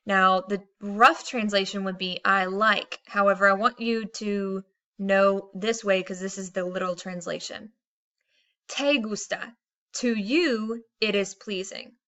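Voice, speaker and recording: A woman's voice: mid-range voice, steady tone, a little slow, fairly bright tone, highs cut off. A woman teacher explaining grammar patiently in a recorded lesson, reading out Spanish examples.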